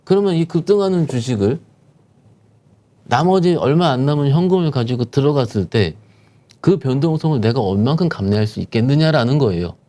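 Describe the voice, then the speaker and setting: Animated, emphatic man explaining the market. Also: mid-range voice, fairly quick. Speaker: securities firm manager, market commentator guest. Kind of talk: explaining stock market conditions.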